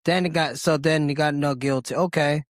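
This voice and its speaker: A man's voice: on the high side, steady tone, moderate pace, dry recording. A man co-hosting a podcast in casual chat. He talks hesitantly, often restarting his sentences, with a wry edge. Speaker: podcast co-host.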